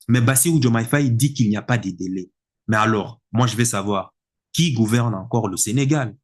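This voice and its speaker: A man delivering an indignant political opinion monologue, emphatic and repetitive, with a husky voice. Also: mid-range voice. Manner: indignant, emphatic, repeats words for effect. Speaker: political commentator.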